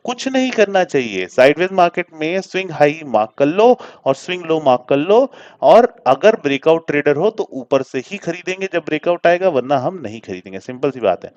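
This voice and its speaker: A man's voice: a little high, very animated, moderate pace, darkish tone. A man giving a screen-share trading lesson, explaining step by step, often asking and answering his own questions and slipping English words into his talk. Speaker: trading teacher. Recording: dull lo-fi sound.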